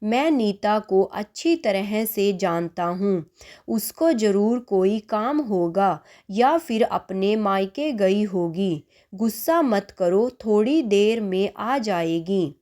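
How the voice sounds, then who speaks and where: A patient middle-aged husband soothes and reassures his wife in a storybook tale, as a woman does his voice. He speaks slowly and steadily. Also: mid-range voice, animated, warm tone. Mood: soothing.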